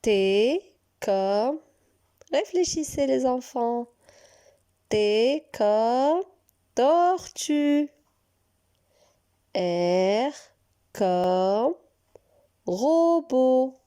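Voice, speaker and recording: Woman, preschool teacher, very slow, mellow, encouraging. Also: fairly high pitch, animated, smooth. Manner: slow, drawn-out and encouraging, praising often. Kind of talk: recorded reading lesson for young children.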